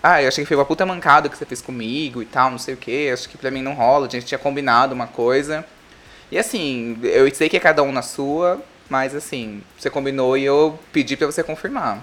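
A woman's voice: extremely low pitch, quick pace, a bit bright. A Brazilian woman in casual chat, telling a wry story and acting out the dialogue. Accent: Brazilian Portuguese.

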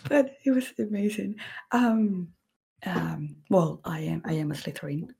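Raspy, breathy woman. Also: lowish voice, steady tone, unhurried. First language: Spanish. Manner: soft-spoken, often slips into whispers. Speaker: podcast guest, ASMR creator. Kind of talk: casual podcast chat.

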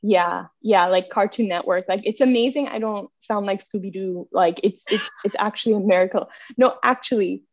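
With hardly any pauses, a young Bangladeshi woman with an American accent talks at normal speed in her mid-range voice. She's a guest on a podcast, chatting casually, poking fun at herself, and laughing frequently. There's no room sound; the recording comes across dull and dry.

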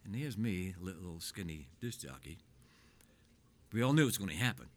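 An older man with a low voice talks briskly through his life story in a casual chat. He rambles from one animated anecdote to the next, swearing plenty along the way.

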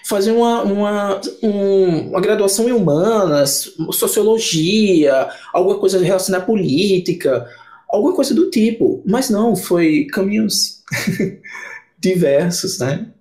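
A young man who runs a book channel chats casually as a podcast guest, rambling with lots of restarts and fillers. His voice is high, animated and mellow, and he takes his time.

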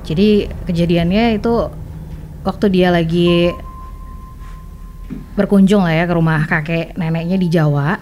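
A woman's voice: on the low side, steady tone, a little slow, pauses often, mellow. A woman from Indonesia co-hosting a podcast, casually retelling a listener's story and explaining as she goes. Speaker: podcast co-host. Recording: faint background noise and ambience.

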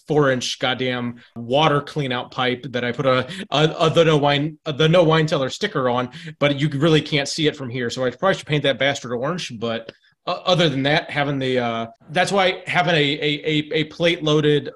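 Man, a little tipsy, casual chat, halting and repetitive, word-searching, sweary. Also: mid-range voice, a bit bright. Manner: rambling, halting, repeats words while searching for them; swears freely. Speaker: home gym roundtable panelist. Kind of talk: casual chat among hobbyists.

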